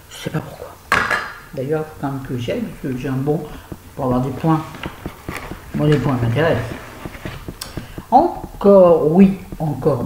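A chatty woman talks straight to her viewers about beauty products she has finished, mocking herself along the way. Her voice is warm and mellow. The room gives it a roomy echo, with a faint hiss behind. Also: deep voice. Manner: chatty, self-mocking, wry asides. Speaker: beauty vlogger reviewing used-up products. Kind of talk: casual chat to viewers.

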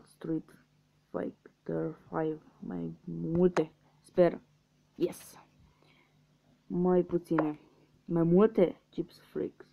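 A young Romanian gaming youtuber gives casual let's-play commentary, muttering guesses and swearing whenever he loses. His voice is a little high and creaky, captured on a dull lo-fi mic with faint hiss.

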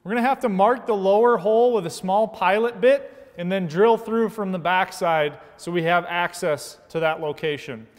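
A fairly high-pitched man in his thirties walks through an installation with steady, methodical instructions. His voice carries a long reverb from a large indoor workshop, picked up on a lapel mic. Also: moderate pace, hardly any pauses. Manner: steady, methodical step-by-step explaining. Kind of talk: scripted how-to narration.

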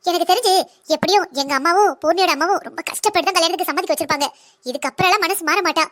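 A woman voicing a young, blunt and defiant daughter-in-law in a cartoon drama, speaking in a fast, lecturing way. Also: very high voice, fairly bright tone.

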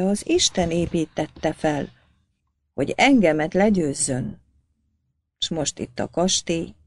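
A woman's voice: low-pitched, creaky, no room sound, heavily acted. A woman voicing an old male village priest, guilt-ridden and fervent, who pleads and cries out in anguish. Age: older. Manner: pleading, then shouting in anguish.

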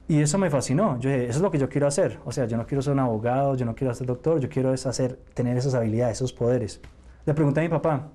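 Young Nicaraguan-born man, warm relaxed voice, casual reflective studio interview. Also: mid-range voice. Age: young adult. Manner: casual, reflective, with fillers and restarts. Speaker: mentalist interviewee. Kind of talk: interview answers. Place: TV studio set.

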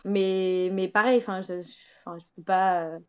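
A woman from Europe speaks frankly on a live talk show, hesitant and full of fillers and restarts. Her sound is a little dull, with the top end softened. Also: mid-range voice, steady tone, normal speed, clean tone. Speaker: guest traveler.

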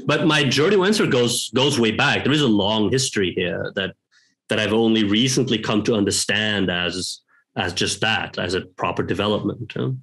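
A low-voiced man from Norway, a guest professor, sounds fairly bright but hesitant as he reflects in an interview. Thoughtful, he pauses and restarts many times while speaking over headphones on a video call from a home room full of bookshelves.

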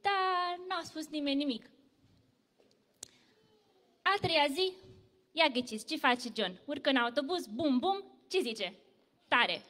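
A woman telling a story to children at church, lively and full of questions for the kids. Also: sits high, long pauses, long reverb tail. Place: church hall.

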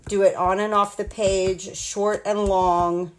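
At an indoor craft table at home, a woman in her sixties from the US demonstrates card making live. Her medium-pitched, level voice moves slowly while she chats, rambles, and talks through every step.

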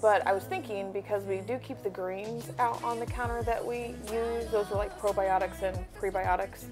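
A woman's voice: medium pitch, fairly even intonation, moderate pace, music in the background. A woman in her thirties chatting casually to her phone camera in a small apartment, rambling with many ums and likes and laughing easily. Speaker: vlogger. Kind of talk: casual clean-with-me vlog chat. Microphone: phone camera held at arm's length.

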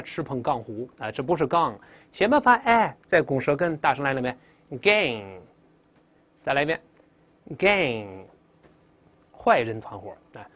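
A male English teacher giving a vocabulary lesson, drilling words aloud and stretching out the sounds. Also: a little high.

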